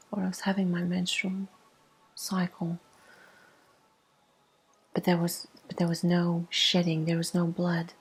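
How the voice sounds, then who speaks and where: In a soft-spoken ASMR style, a woman tells a personal story, hushed and unhurried, her breathy, husky voice often slipping into a whisper. Her pitch is fairly low, and the recording is rough.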